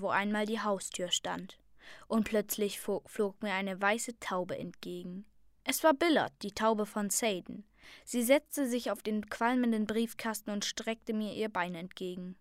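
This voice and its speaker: A woman reads a fantasy story aloud, calm and soft, sometimes sinking to a near whisper. Her pitch sits in a middle range. The recording is dry and close, with no room echo. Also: normal speed.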